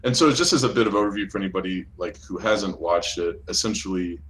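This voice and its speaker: A laid-back blue alien co-host, played by a man who stalls and hedges as he talks. His voice sits very deep. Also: quick pace, fairly bright tone, low-quality recording. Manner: hesitant, laid-back, many fillers. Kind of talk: comedic podcast talk.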